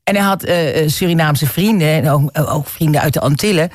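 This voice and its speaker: A man's voice: fairly high pitch, no room sound. Hesitant, dry-sounding male host. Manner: hesitant storytelling with many pauses and restarts. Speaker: radio host. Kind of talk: casual chat about songs.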